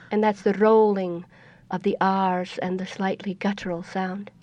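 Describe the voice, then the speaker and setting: An older Scottish woman speaking as a guest on a radio show, measured and explanatory as she tells her story. Her voice sits at an ordinary middle pitch. The recording sounds dull and lo-fi, like an old radio broadcast. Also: flat delivery, a little mellow, no room sound. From Scotland. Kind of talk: radio interview.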